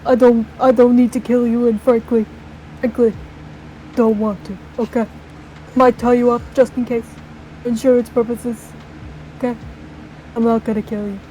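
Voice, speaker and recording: A woman voicing a calm goblin raider who talks flatly and reassuringly. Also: fairly high pitch, moderate pace, pauses often, a little hiss or hum, lightly acted, poor audio. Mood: coaxing. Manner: flat, reassuring, keeps saying okay.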